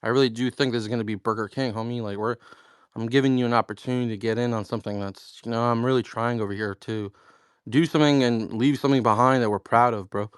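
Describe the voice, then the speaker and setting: A man with a smooth, resonant voice talks in a loose, profane, slangy way, calling listeners bro and dude. He tells stories in a lively way and acts out both sides of a conversation. The sound is dry and close, with no room around it. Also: medium pitch, quick pace, no echo. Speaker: crypto project founder. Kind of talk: casual chat on a live audio space.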